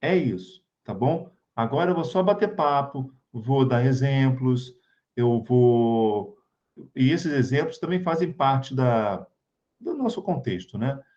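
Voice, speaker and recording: Chatty Brazilian man, mellow lively voice. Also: mid-range voice, slow, highs cut off. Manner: chatty, keeps checking in with tag questions. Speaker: spiritist study group speaker. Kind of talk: informal spiritual talk to a group.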